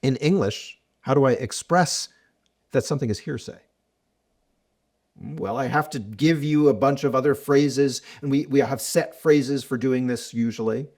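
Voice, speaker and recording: Measured in pace, his mid-range voice has a darkish tone. He's a middle-aged mathematician being interviewed for an academic podcast, working through ideas with care, frequently starting over and offering examples.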